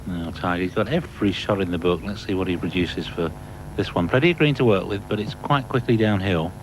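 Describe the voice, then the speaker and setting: A man's voice: sits low, a little fast. A man giving live golf commentary as a broadcast commentator. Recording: noisy outdoor broadcast ambience. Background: outdoor course ambience.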